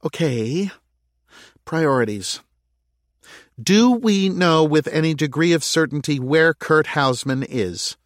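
Stubborn clipped woman mayor, a guy reading her, pitched way up from his low voice, dry sound. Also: expressive, slow pace, dry recording. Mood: insistent. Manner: insistent, clipped and exasperated. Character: harried woman mayor, stubborn and sharp-tongued.

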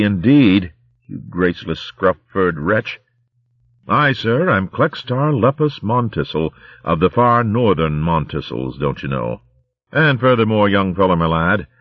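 A man's voice: fairly low pitch, dry recording, muffled recording, voice pushed up. A man voicing a pompous older male hare cook who blusters in posh, old-fashioned phrases.

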